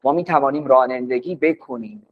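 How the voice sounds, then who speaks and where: A man teaching a class as a language teacher, patiently repeating words slowly for his students. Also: medium pitch. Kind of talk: classroom lesson. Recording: dull lo-fi recording.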